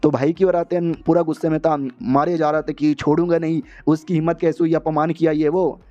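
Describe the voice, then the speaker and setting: Slangy, mellow-voiced male story narrator. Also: a little high, flat delivery, fairly quick, no echo, highs cut off. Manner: slangy, crude, chatty. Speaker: manga explainer.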